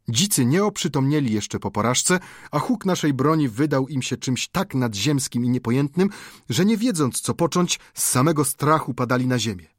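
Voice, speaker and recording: A man reading an adventure novel aloud as an audiobook narrator, in a measured, dramatic storytelling manner. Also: mid-range voice, dry recording, studio quality.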